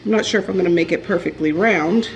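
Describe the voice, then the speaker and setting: A woman's voice: fairly low pitch, fast talker, over music, rough recording. A woman chatting casually in her home kitchen as she bakes cookies for her vlog, rambling with many fillers and restarts. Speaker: vlogger. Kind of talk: casual baking vlog chat.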